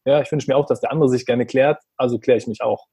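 A man's voice: medium pitch, fairly even intonation, quick pace, dark tone, breathy edge, dry recording. A man who is a father, talking earnestly about how he treats his young son and acting out their exchanges. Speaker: parent talking about parenting. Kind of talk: reflective conversational talk.

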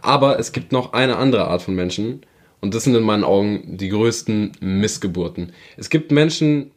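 A man's voice: lowish voice, lively intonation, normal speed. A man co-hosting a podcast in casual chat, ranting bluntly and heatedly. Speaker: podcast co-host.

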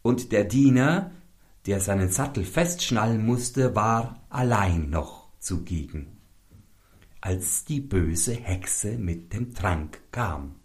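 A man narrating a fairy tale in a slow, storytelling manner. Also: on the low side, animated. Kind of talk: scripted narration.

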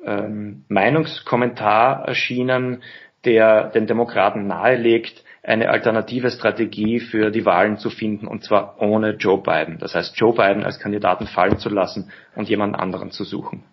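A man's voice: on the low side, little pitch movement, husky. A man hosting a political podcast interview, asking questions at length. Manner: asks questions at length, measured. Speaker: podcast host. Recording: dull lo-fi audio.

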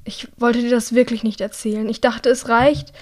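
Sad guilty young woman, soft n teary, near whispering , woman reading. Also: on the high side, flat delivery, moderate pace, close to an everyday voice. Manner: soft, tearful, often whispered. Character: grieving young woman, exiled and guilt-ridden.

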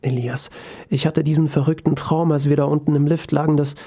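A man's voice: on the high side, level tone, fairly quick, warm tone. A man voicing a shaken, nervous young woman in a story, stammering as she talks. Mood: flustered. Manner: stammering, flustered.

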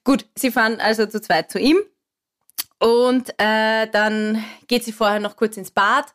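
A woman's voice: on the high side, fairly even intonation, a little slow, fairly bright tone. A woman with an Austrian accent, a regular on a radio show, chatting in the studio and telling a joke with frequent laughs and a nervous, talkative manner.

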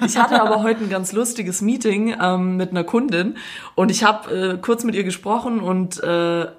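A woman's voice: mid-range voice, moderate pace. A woman from Swabia with a Swabian accent, co-hosting a podcast in casual chat, laughing often and acting out what others said. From Swabia, Germany. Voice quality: chatty, laughs often, acts out quotes. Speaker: podcast co-host.

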